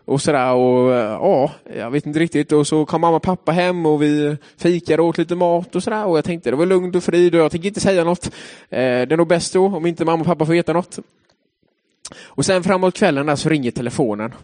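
With a slightly mellow voice pitched a bit above most men's, a young man leading a devotional wanders casually from storytelling to reflection. His chatty delivery is full of hesitant fillers.

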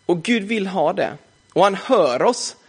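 Young male preacher with a slightly high voice, easygoing and chatty from the pulpit. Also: expressive, a little mellow, husky. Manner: casual conversational preaching, frequent filler "liksom". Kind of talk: sermon.

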